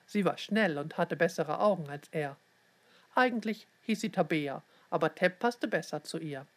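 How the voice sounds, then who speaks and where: Woman narrator for a kids' story, lowish voice, clear and even. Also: moderate pace. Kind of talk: children's story reading.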